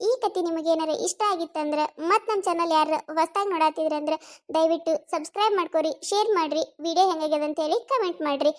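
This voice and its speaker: High-voiced woman with a North Karnataka accent. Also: fast talker. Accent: North Karnataka Kannada. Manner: friendly requests to the viewers. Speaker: channel host. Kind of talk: channel outro.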